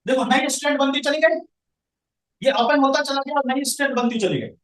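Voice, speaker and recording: Very high-pitched, fairly quick, and a bit bright, a male science teacher lectures his class. He throws questions at students and answers them himself, with the audio coming from far off the mic in an echoey room.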